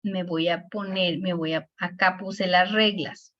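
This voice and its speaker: A woman's voice: on the low side, steady tone, a little slow. A woman teacher giving an online grammar lesson, patiently breaking words into syllables and checking in with her students. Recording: dull lo-fi sound.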